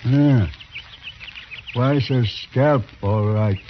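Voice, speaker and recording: An actor playing a proud, stoic accused man in an old western drama, speaking halting, clipped broken English. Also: medium pitch. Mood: plain, stoic. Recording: dull lo-fi old recording with faint noise.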